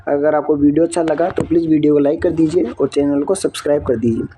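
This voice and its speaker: A man's voice: a little high, fairly even intonation, fast, warm tone, slight background noise. A man working through an exam answer key step by step, often checking in with his viewers. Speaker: exam tutor.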